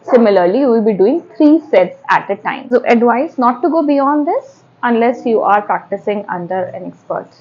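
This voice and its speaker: A woman's voice: a little high, lively intonation, moderate pace, hardly any pauses, highs cut off, slight background noise. A woman with an Indian accent giving spoken yoga instruction step by step, repeating and rephrasing key points as she goes.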